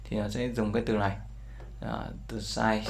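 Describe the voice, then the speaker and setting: A man's voice: fairly low pitch, level tone, normal speed, creaky. Chatty man teaching from his screen. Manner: explains with many fillers and repeated checks with viewers. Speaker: English teacher. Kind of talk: screen-share language lesson.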